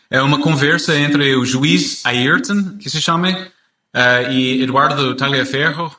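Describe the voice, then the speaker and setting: American guy with english accent speaking portuguese, stops and hunts for words, bright voice, echoey room. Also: mid-range voice. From United States. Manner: halting, searching for words in Portuguese. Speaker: journalist being interviewed. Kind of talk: spoken interview.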